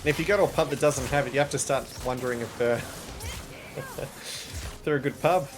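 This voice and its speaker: A man's voice: mid-range voice, normal speed, music in the background. A young man with a light Australian accent, chatting casually and joking as he streams a game. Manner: chatty, joking, laughs often, slang-heavy. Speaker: gaming streamer. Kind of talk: casual live-stream commentary.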